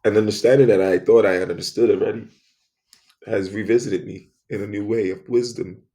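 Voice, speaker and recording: A man delivering an intense, emphatic spoken monologue, repeating phrases and swinging between loud outbursts and soft asides. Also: lowish voice, steady tone, a little fast.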